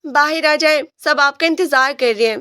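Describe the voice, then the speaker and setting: A woman's voice: high voice, bright, forceful tone, dry recording, studio quality. A woman voicing a proud, stubborn young woman who answers back with teasing defiance. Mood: defiant.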